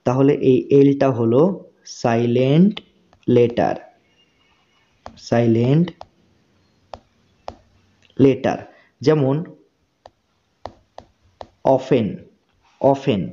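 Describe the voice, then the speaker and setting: Slow, patient male teacher. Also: medium pitch, dark tone, highs cut off. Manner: slow, patient, repeats words and checks understanding. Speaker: English teacher. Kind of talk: spoken English lesson.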